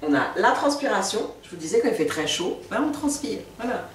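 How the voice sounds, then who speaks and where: A woman giving a relaxed spoken language lesson, repeating each new word slowly and patiently. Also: medium pitch, slight background noise. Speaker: language teacher. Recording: echoey room, mic at a distance.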